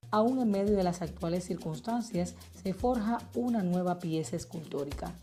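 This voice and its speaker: A woman with a Cuban Spanish accent reading documentary narration in a smooth, descriptive way. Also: lowish voice, moderate pace, dark tone, faint music behind.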